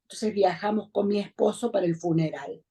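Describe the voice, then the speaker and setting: A middle-aged woman from Argentina with an Argentine accent, recounting her personal story as a mother in a testimonial interview, in a measured, reflective way with many pauses. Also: mid-range voice, gravelly, mellow. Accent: Argentine Spanish. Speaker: bereaved mother giving testimony.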